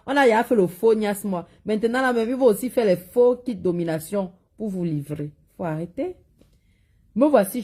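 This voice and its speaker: With a medium-pitched, mellow voice, a woman of Cameroonian French accent delivers a live video monologue pushing spiritual and cosmetic products. She talks bluntly, scolding those watching and repeating her warnings.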